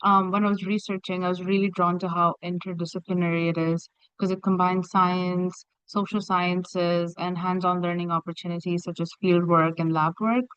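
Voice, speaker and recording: A woman in her twenties from Kenya, a student on a panel who speaks in an earnest, measured way. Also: on the low side, flat delivery, a bit bright, smooth, dry recording. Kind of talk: panel answers. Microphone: video call. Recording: dry, dull lo-fi sound.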